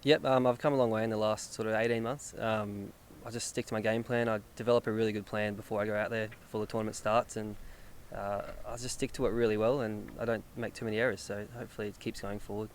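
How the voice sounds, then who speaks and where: Young Australian sportsman, flat and quick. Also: on the low side, a little hiss or hum. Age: young adult. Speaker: amateur golfer being interviewed. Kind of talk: post-round sports interview.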